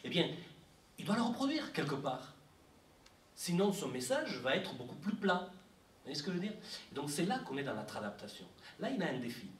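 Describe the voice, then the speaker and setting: A man giving a university lecture on translation, animated, with frequent fillers and restarts. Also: a little high, normal speed, slight background noise. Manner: animated, repeats himself, many fillers. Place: university library lecture room. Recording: echoey room, mic from far off.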